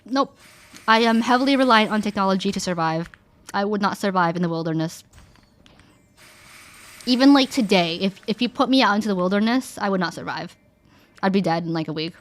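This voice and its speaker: Woman, young adult, streamer, casual chat, animated, restarts sentences, medium pitch. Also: fairly quick, pauses often. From Canada. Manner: chatty and animated, lots of "like" and restarts.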